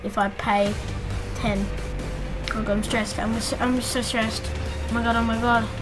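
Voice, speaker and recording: A woman giving casual, excitable gameplay commentary as a YouTuber at home, chatting and squealing when things get thrilling. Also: fairly high pitch, a little slow. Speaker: gaming YouTuber. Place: home room with the door shut. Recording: clear game music underneath. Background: game music.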